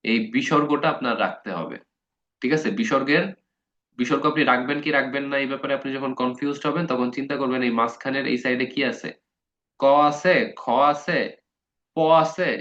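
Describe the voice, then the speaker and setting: A man teaching a grammar lesson in a relaxed, conversational way, his voice sitting at an ordinary middle pitch. He keeps checking in with his listeners and drags out words slowly to show their spelling. The recording sounds dull and lo-fi. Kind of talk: casual spoken lesson.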